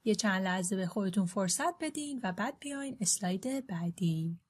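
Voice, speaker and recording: A woman gives a beginner English lesson. She says each English word and sentence slowly and carefully. Between the examples she explains the grammar in quicker Persian. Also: mid-range voice, lively intonation, slightly rough. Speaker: English teacher. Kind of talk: language lesson.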